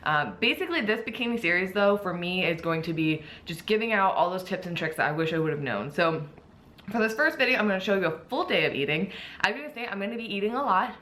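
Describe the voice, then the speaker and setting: A woman's voice: mid-range voice, lively intonation, fairly quick, a bit bright. A woman talking casually to her vlog audience in an upbeat, chatty way, with a slight lisp from wearing dental aligners. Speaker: vlogger, bikini competitor.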